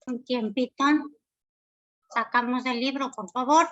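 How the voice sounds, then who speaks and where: Woman, literature teacher, polite instructions, praises students, bright tone, dull lo-fi recording. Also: fairly high pitch, steady tone, measured pace. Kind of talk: classroom teaching.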